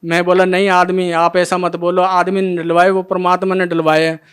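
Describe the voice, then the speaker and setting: A middle-aged man gives his testimony as a devotee with real emotion, retelling each scene by acting out every line of dialogue. His voice is high-pitched, monotone, a bit bright and clean, at a normal speed.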